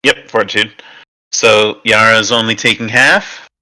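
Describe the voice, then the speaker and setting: A man acting as game master in a tabletop game, relaxed and halting, calling turns. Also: fairly low pitch, low-quality recording. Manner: relaxed, halting, with silly put-on enemy voices.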